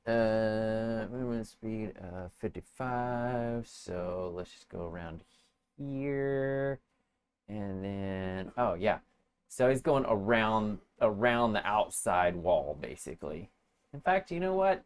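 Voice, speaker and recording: Low-voiced man thinking out his turn. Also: lively intonation, smooth. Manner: halting, thinks aloud while planning moves. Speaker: player. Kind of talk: casual tabletop game play.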